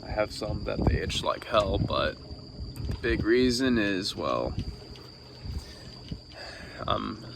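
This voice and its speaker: A tired young man vlogging from his small sailboat by an island at night, talking slowly and rambling, with fillers and the odd swear. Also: lowish voice, expressive, vocal fry. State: sleep-deprived. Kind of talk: casual vlog narration. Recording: noisy outdoor phone recording. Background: water, boat sounds and crickets.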